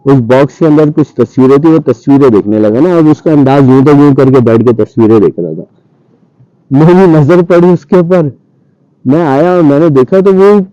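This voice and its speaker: A man tells a ghost story from his own past and acts out what he and his cousin said. His voice is dark and mellow, in a mid register. The sound is dry and dull, like an old radio broadcast. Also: medium pitch, no echo. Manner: animated retelling, acting out his own past lines. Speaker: storyteller guest. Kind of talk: casual spoken ghost story. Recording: dull muffled radio-style audio.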